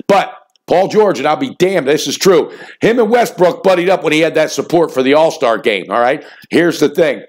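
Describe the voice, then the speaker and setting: A man in his fifties hosting a sports betting picks show, talking in a fired-up, folksy way with loud bursts and low asides. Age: 50s. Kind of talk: energetic sports picks monologue.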